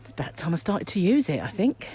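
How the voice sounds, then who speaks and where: A middle-aged British crochet vlogger chats casually while shopping in a shop aisle, thinking out loud through a face mask that muffles her voice. Her voice is lowish, dark in tone, very animated and fast. She films on a handheld phone from behind the camera, with shop ambience and background noise around her.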